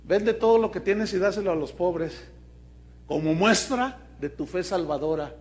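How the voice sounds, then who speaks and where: A man with a Mexican accent voicing Jesus as a calm male teacher. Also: high voice, moderate pace, close to an everyday voice. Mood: instructing. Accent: Mexican Spanish.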